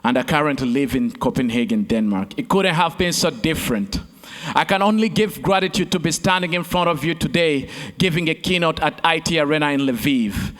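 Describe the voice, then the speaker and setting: A male keynote speaker and competition host from Uganda gives a rhetorical keynote speech on a large conference hall stage, his slightly high, expressive, brisk, a bit bright voice carried by a stage mic with the long reverb of a big hall. He leans on oratorical repetition and addresses the crowd as friends.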